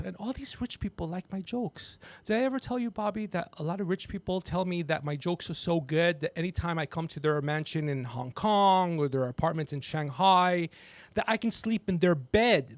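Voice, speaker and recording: This man, a podcast host and comedian, keeps a livestream going in a rambling, jokey, self-promoting way, turning to speak with someone off mic now and then. His voice is on the high side, with no room sound, captured on a podcast mic with headphones.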